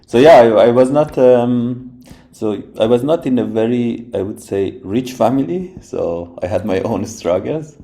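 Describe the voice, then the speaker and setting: An Iranian robotics professor speaks unhurriedly in a mid-range, dark-toned voice with vocal fry. As a podcast guest in casual interview talk, he thoughtfully recounts his background, restarting often and tagging lines with "right?"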